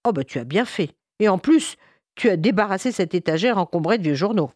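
Woman reading the easygoing husband in a story, relaxed and approving, barely a voice change. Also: medium pitch, a little fast, no echo, clean studio sound, close to an everyday voice.

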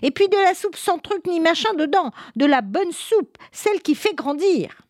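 A woman's voice: lively intonation, normal speed, darkish tone, dry recording, clean studio sound. A woman voicing a group of tiny, hungry copycat witches who clamor for plain soup in a storybook reading. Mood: demanding. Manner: squeaky, clamoring, demanding.

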